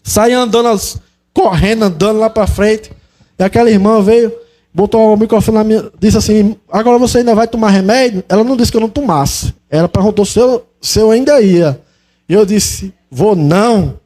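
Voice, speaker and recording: Young man, high mellow voice, fervent and emotional testimony speaker. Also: moderate pace. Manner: fervent, exclaims praise often. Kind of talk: religious testimony.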